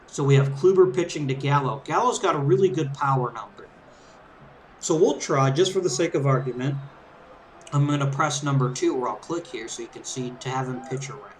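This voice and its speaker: A man's voice: mid-range voice, brisk. Easygoing man commentating over noisy game ambience. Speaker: let's play host. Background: video game crowd ambience and background music.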